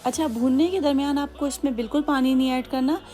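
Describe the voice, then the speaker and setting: A Hyderabadi-accented woman hosts a home cooking tutorial, her voice a touch high and mellow. She talks in a chatty, patient way, explaining each step with many asides. Soft music plays faintly behind her. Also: steady tone, fast. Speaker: cooking channel host.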